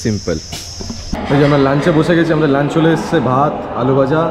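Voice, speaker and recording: A man's voice: fairly high pitch, fast talker, over music. A man with a Bengali accent narrating a casual travel vlog, chatty and repeating phrases for emphasis. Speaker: travel vlogger. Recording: clear background noise, echo in big hall.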